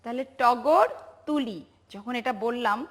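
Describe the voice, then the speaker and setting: A woman teacher with a Bangladeshi Bengali accent gives a home-learning lesson to young children, patiently drawing out each word and asking them to repeat after her. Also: a little high. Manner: slow, patient, drawn-out recitation with call-and-response questions. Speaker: pre-primary teacher.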